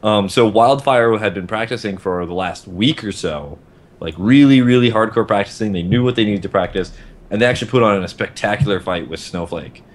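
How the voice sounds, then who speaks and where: A man's voice: on the low side, a little fast. A man co-hosting a casual gaming podcast, talking in a rambling way and often restarting his sentences. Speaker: podcast co-host.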